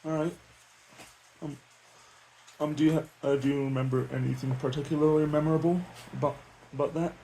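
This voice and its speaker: A man's voice: on the high side, fairly even intonation, fairly quick, pauses often, warm tone, low-quality recording. A teenage boy interviewing his father for a school assignment, speaking hesitantly with many fillers. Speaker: student interviewer. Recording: faint background noise with clicks.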